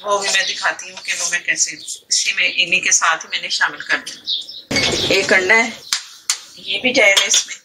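A woman from Pakistan runs a relaxed, talkative cooking demonstration at home for her channel, narrating her steps and frequently beginning sentences again. Her mid-range voice moves at a normal speed over a noisy background of clattering pots, pans and clicks.

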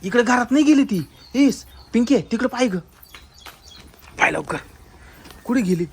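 A man's voice: extremely high pitch, animated, measured pace, vocal fry, husky. A man playing an uncle in a comedy skit, talking in frantic, repetitive calls.

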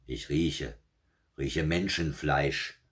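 A man reading aloud and voicing the devil in a fairy tale, a gruff, short-tempered male with a slow, mocking drawl. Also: a bass voice, a bit bright, exaggerated voice.

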